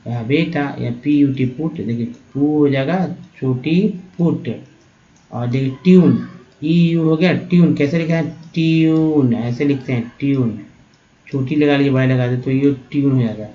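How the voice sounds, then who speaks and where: A man teaching English phonics, repeating sounds and words slowly. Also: medium pitch, warm tone, lo-fi sound. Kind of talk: phonics lesson.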